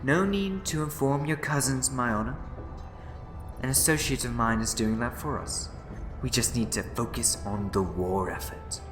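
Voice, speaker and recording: A man's voice: mid-range voice, normal speed, close to an everyday voice. A man playing a sly, fussy, meddling schemer in a fan audio drama, with a wheedling, theatrical manner. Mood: smooth, assured. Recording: echoey room, music behind.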